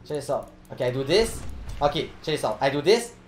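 A woman streaming a game, commenting live with loud excited bursts, frequent laughter and profane slangy chatter. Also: extremely low pitch, fast talker, slight background noise. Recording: roomy echo with faint keyboard typing.

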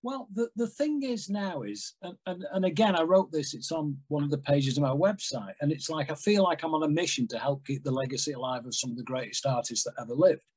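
A man in his sixties from England, a music industry guest telling stories in a rambling, animated way on a video call from home. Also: fairly high pitch, a little fast, few pauses, breathy edge, poor audio. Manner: animated, rambling storyteller with big hand gestures. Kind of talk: casual interview chat. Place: home room with framed records on wall.

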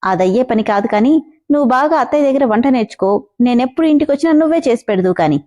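Teen boy, playful, teasing, a bit quick, read by a woman. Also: a little high, expressive, mellow, dull audio, close to an everyday voice. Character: teasing, ambitious teenage boy.

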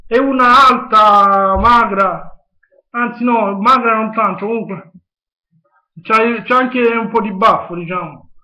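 A man in his twenties with a southern Italian accent pleads insistently and hesitantly on a prank call. His voice is very high and forceful, picked up by a webcam in an echoey room. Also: takes it slowly. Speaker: prank caller. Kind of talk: improvised phone prank chat. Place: small home kitchen, indoors. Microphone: webcam at arm's length.

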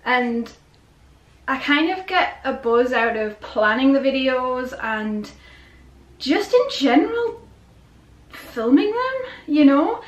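A woman's voice: sits high, lively intonation, slow pace, pauses often, lo-fi sound. A middle-aged woman chatting casually and rambling a little, asking herself questions, as in a clothing haul vlog. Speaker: vlogger. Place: small bedroom, indoors. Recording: roomy bedroom echo.

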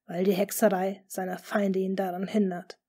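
A woman voicing a scheming noble duke in an audiobook, speaking smoothly and often in a hushed, half-whispered tone. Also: medium pitch, flat delivery. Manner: smooth, measured. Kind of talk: audiobook character reading.

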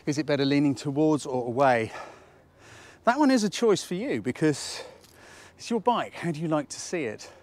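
A British man in his fifties with a squeaky voice from a cold, chatting casually and jokily as he teaches outdoors, often asking rhetorical questions. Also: big pitch swings, moderate pace, a little mellow. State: has a cold. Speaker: photography instructor and presenter. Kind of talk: casual instructional talk to camera. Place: outdoors at a waterside harbour slipway.

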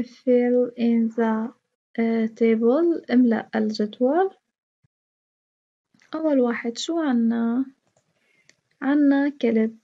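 A woman's voice: on the high side, dark tone, muffled recording. A woman with a Levantine Arabic accent teaching an English lesson. She explains step by step, repeats English words with their Arabic meanings and praises her students.

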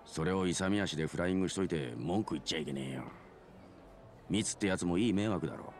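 Very deep, rough-talking sidekick. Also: male voice, fast, darkish tone, faint music behind. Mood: frank, chiding. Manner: rough, frank, chiding. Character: easygoing, scolding middle-aged male sidekick. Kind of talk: video game drama acting.

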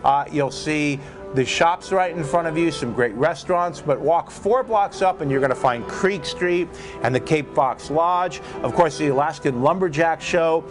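A man's voice: on the high side, moderate pace, over music. A man in his fifties with an upbeat, enthusiastic patter, presenting a casual morning show as a cruise director. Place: ship atrium, at a presenting desk.

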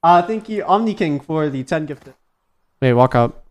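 A woman chatting excitedly while streaming a game, swearing and laughing often, thanking viewers as she plays. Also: low voice, moderate pace.

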